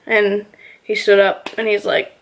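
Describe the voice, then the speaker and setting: A woman's voice: medium pitch, flat delivery, measured pace, creaky, slight background noise. A woman vlogger casually telling a personal story, rambling and filling her talk with "you know" and "like".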